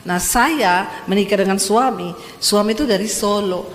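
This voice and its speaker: A woman pastor from Sulawesi with a Sulawesi accent, preaching a sermon full of lively personal stories and addressing the congregation directly. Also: mid-range voice, moderate pace. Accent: Sulawesi Indonesian. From Sulawesi, Indonesia. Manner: lively, animated storytelling, addresses congregation as "saudara". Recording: echoey church hall, faint noise.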